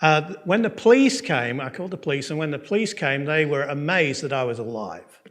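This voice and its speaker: A man's voice: a little high, animated, a bit bright. English man telling his story in class. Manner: conversational storytelling, checks in with listeners; frequent fillers and restarts, pace swinging quick and slow. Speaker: Bible course teacher. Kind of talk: lecture with personal testimony.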